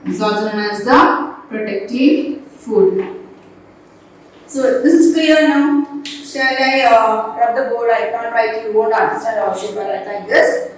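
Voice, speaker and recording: A woman's voice: on the high side, a little slow, a little hiss or hum. Echoey far-off woman teacher at a board. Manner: repeats points and quizzes the class. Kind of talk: classroom lesson at a board. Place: classroom.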